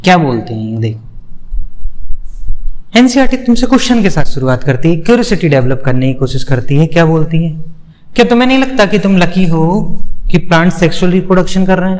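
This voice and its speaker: A man's voice: a little high, darkish tone, in a large hall. A man teaching a biology lecture for exam students, asking rhetorical questions and repeating the answers.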